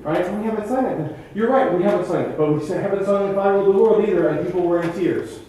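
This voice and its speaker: Man choir director, high voice, brisk and demanding, distant, echoey room. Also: warm tone. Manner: brisk, demanding, pushes the group. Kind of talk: rehearsal direction. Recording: echoey room, far mic, faint noise.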